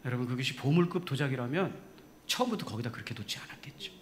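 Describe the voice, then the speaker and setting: A man pastor preaching a sermon, telling a story in an animated way and laughing along. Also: medium pitch, fast, slight background noise. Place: church sanctuary.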